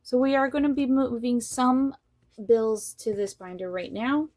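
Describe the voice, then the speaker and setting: Slow, monotone woman counting cash. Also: fairly high pitch. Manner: monotone, thinking aloud, counting bills under her breath. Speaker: budgeting vlogger. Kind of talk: casual talk while counting cash.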